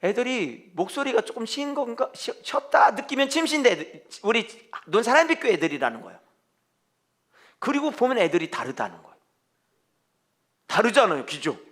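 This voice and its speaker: Male pastor, bright high voice, fervent sermon, swings up and down a lot. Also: sing-song, moderate pace. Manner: emphatic, fervent preaching with rhetorical questions to the congregation. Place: church.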